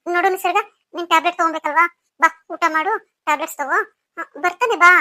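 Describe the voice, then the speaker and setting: A woman's voice: extremely high pitch, steady tone, fast talker, bright, forceful tone, no room sound, clean studio sound. A woman voicing a caring elder sister in a cartoon story, coaxing and reassuring. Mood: soothing. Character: caring older sister, soothing and firm.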